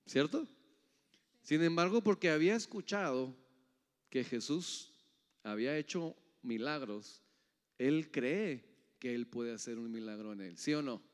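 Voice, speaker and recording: A man's voice: animated, unhurried, long pauses, clear, resonant tone. Preacher man, ringing hall. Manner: keeps asking the audience "yes or no?"; swings between loud rising calls and soft low asides. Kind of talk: sermon. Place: church hall. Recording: long hall reverb.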